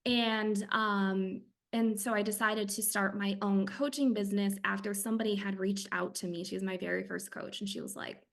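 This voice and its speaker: A middle-aged woman tells a personal story in a relaxed podcast chat. There is a gravelly fry in her voice, and she slips into the voices of the people she quotes. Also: mid-range voice, moderate pace, few pauses. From Michigan. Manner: animated storytelling with acted-out quotes and laughter. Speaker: podcast guest. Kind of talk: casual chat.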